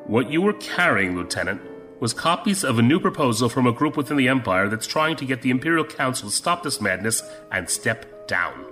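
An actor playing a commanding older admiral in an audio drama, measured and conspiratorial, with music behind. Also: male voice, medium pitch, sing-song, fairly bright tone. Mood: stern. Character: stern older male imperial admiral, conspiratorial.

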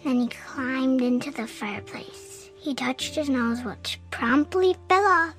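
A young host narrating a scary story for kids, dramatic and slipping into whispers when things get creepy. The voice is very high and unhurried. Soft music plays faintly underneath. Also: lively intonation.

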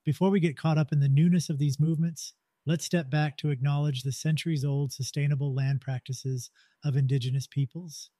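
Mellow-voiced man narrating a podcast. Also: a little high, steady tone, fairly quick, dry recording. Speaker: podcast host. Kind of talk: scripted narration.

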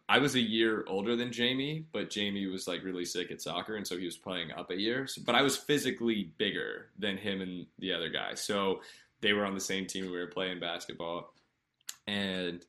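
A man telling a personal story in a candid, earnest way, halting often with fillers and restarts. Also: low-pitched, sharp tone.

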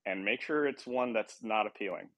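Young guy hosting a podcast, kinda low voice, rambly and laughing at himself, tired, dry close sound. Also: normal speed, a bit bright, no room sound. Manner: rambling, self-deprecating, laughs often. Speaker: podcast host. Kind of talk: casual chat.

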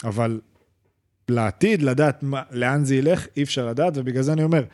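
A young man co-hosting a casual podcast, retelling a story in quick, animated bursts with lots of restarts and slang. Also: medium pitch. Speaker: podcast co-host.

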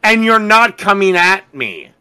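A man in his forties argues back in a sharp, bright, somewhat high voice. He is defensive and combative, tripping over restarts as he pushes his point. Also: big pitch swings, a little slow. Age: 40s. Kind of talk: heated call argument.

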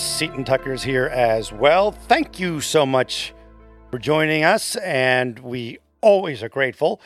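A man's voice: mid-range voice, no echo. Man hosting a podcast, dry sound. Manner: reads listener comments aloud, defensive but even. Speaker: podcast host. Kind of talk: casual podcast chat.

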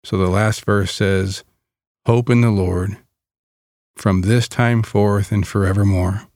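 Very slow, calm man guiding meditation. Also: lowish voice, dry recording, clean studio sound. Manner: calm, soothing, gentle delivery with long pauses. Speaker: guided meditation leader.

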